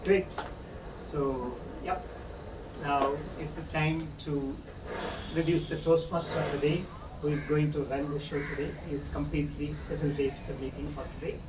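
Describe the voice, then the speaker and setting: Middle-aged man, halting club-meeting opener, echoey distant sound, loud background noise. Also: a little high, level tone. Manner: halting, many fillers. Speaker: presiding officer of a speaking club meeting. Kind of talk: opening remarks at a club meeting. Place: open-air pavilion by a garden. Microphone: far camera.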